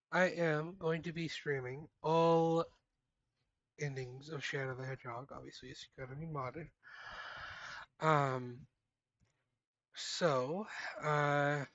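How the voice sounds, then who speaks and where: A man's voice: fairly high pitch, fairly even intonation, slow pace, long pauses, fairly bright tone, no echo, lo-fi sound. A sick man chatting casually on a live stream, muttering and swearing while he fixes his setup.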